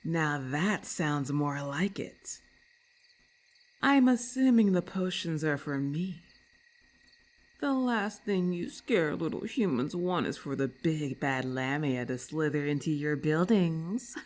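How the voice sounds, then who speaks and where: In an ASMR roleplay, a woman plays a haughty, predatory female lamia, speaking slowly and deliberately with an imperious, condescending air. Her voice sits low and sounds animated, and the mood is suspicious and commanding.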